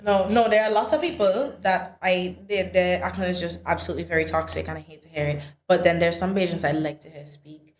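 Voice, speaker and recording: Chatty, confident young woman, lowish voice. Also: brisk. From Saint Vincent and the Grenadines. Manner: chatty, confident, playful asides to viewers. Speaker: guest. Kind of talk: casual interview chat.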